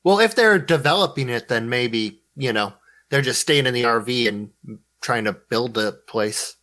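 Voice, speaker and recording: A man co-hosting a podcast, chatting casually and tossing in wisecracks. His voice sits at an ordinary middle pitch. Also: animated, moderate pace, sharp tone. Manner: wisecracking and laughing. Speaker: podcast co-host.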